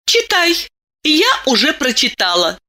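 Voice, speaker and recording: A shrill, venomous wife in a storybook reading, put on by a woman narrator, raising her voice high in accusation. The voice is bright and swings widely in pitch. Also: huge pitch swings, measured pace, exaggerated voice. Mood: sarcastic.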